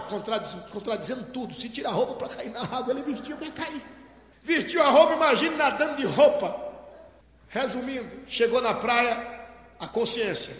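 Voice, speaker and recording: Male pastor, Bahian accent, dramatic sermon storytelling, very high voice, long hall reverb. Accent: Bahian Portuguese. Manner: dramatic storytelling, shifting between loud outbursts and quiet asides.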